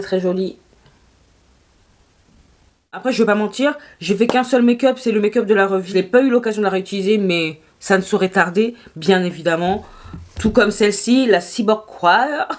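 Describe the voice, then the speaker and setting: A woman with a French accent, chatting casually through a makeup review, animated and quick to laugh. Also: mid-range voice. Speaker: beauty vlogger.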